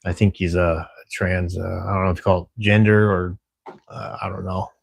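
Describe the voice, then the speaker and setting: Deep, gravelly and husky, the voice of this Texas man barely moves in pitch as he talks at normal speed. He's a livestreamer on a camera security shift, casually rambling through viewer comments with plenty of fillers.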